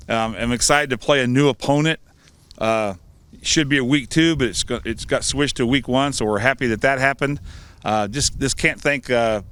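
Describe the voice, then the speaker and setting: A middle-aged American man, a high school football coach, answering pregame interview questions in a plain-spoken way through a face mask. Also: fairly bright tone, clear, resonant tone.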